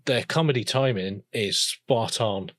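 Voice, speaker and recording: Give me a podcast co-host who tells a story slowly and easily, full of ums. The voice sits at a middle pitch. The sound is dry and close, with no room in it. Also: dry recording. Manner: relaxed, drawn-out storytelling with fillers. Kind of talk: casual chat.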